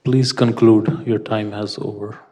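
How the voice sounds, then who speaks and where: A man chairing a city council meeting in a slow, measured, formal way. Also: fairly low pitch, little pitch movement, dark tone.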